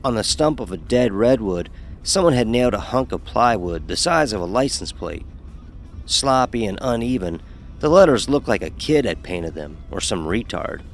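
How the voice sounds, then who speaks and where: In an audio horror drama, a man plays a sarcastic young fraternity pledge narrating his own story with a wry, sardonic edge. His voice sits on the low side, with lively intonation and normal speed, over soft background music. It's scripted first-person horror narration mixed with dialogue, told in a wry storytelling mood.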